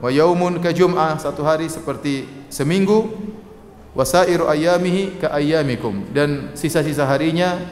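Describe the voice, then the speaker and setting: A male Islamic preacher with an Indonesian accent giving a religious lecture, slowly reciting Arabic hadith, then explaining them with rising emphasis and frequent checking fillers. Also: on the high side, slight background noise. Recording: echoey hall with faint ambience.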